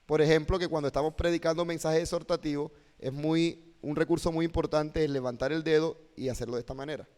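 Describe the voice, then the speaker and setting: Lively pastor teaching in a reverberant hall. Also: male voice, fairly high pitch, fast, hardly any pauses. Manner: animated, asks "¿sí o no?" of listeners. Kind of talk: classroom lecture with preaching demonstrations.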